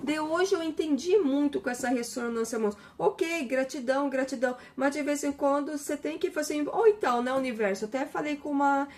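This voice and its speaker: A woman's voice: high voice, a little fast, hardly any pauses, darkish tone. A Brazilian woman giving a casual spiritual monologue, chatty, with many restarts, retelling conversations. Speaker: spiritual talk host.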